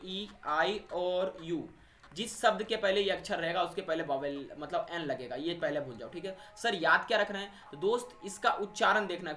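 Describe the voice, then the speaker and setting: A man's voice: high voice, bright, forceful tone, echoey room. A man teaching an English grammar lesson for exam preparation, calling students friends and posing questions he answers himself. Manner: addresses students as friends and little brothers, asks and answers own questions.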